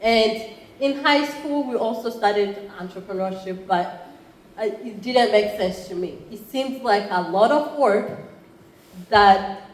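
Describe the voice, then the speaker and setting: Here the same kind of speaker appears: a woman in her thirties from Rwanda, chair of an entrepreneurship program, presenting at a conference in a conference room. Her Rwandan-accented voice sits at medium pitch and moves a little slowly, and she talks conversationally, often using fillers and starting over. There's a roomy quality to the audio and faint ambient sound.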